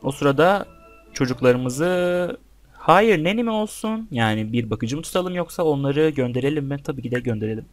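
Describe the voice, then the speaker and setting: A man's voice: mid-range voice, animated, brisk, darkish tone, dry recording, soft background music. A young man giving casual let's-play commentary, chatting with the game's characters and with his viewers as he plays. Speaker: gameplay commentator.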